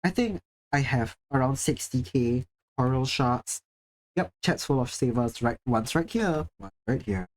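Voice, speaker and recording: A livestreamer from Singapore chats casually with viewers and reads the chat, sounding chatty, self-deprecating and occasionally swearing. The voice is medium-pitched and a little mellow, with lively intonation and a slightly slow pace.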